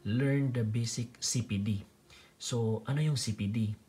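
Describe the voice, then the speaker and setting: A man's voice: mid-range voice, measured pace, dark tone, faint music behind. Filipino man mixing Tagalog and English. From Philippines. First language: Bisaya. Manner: mixes Tagalog and English (Taglish). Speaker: nurse educator, video host. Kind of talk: casual instructional vlog. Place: small room indoors.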